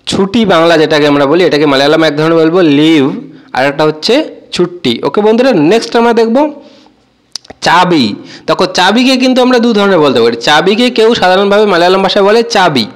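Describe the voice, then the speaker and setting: A man giving a casual spoken language lesson, repeating each word slowly and addressing viewers as friends. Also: high voice. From Bengal. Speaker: language teacher.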